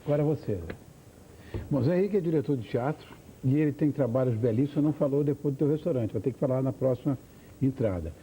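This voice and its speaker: A man's voice: medium pitch, expressive, fast, warm tone, a little hiss or hum, poor audio. A man hosting a TV talk show, introducing guests with effusive praise. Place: TV studio.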